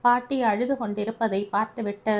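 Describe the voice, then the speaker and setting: A woman narrating a family audio novel in a steady storytelling manner. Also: on the high side, brisk.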